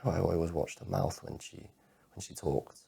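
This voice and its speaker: A male actor performs a spoken-word poetry monologue as a heartbroken, anxious man making a confession, using an exaggerated voice that is very deep, dark, husky, and rough. Obsessive thoughts break in, so he halts and stammers, repeating words. The mood is sad and subdued.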